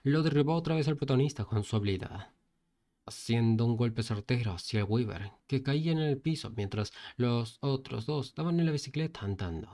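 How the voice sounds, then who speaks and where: A man's voice: medium pitch, animated, fairly quick, mellow. A man narrating a comic story recap in a loose, casual way, with repetitive linking phrases and frequent restarts.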